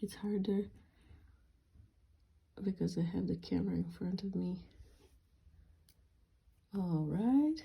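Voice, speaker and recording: A woman's voice: mid-range voice, slow pace, creaky, pauses often, mellow, slightly rough. Nasal-voiced Romanian woman with a cold. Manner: hesitant, with many fillers. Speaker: craft workshop founder teaching cross stitch. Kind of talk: home craft tutorial.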